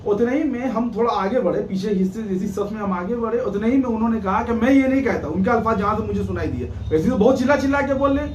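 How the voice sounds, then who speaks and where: A man, a cleric, giving an agitated eyewitness account to a reporter, fast and indignant, acting out the exchanges he quotes. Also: sits high, lo-fi sound. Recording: echoey, distant mic with faint ambience.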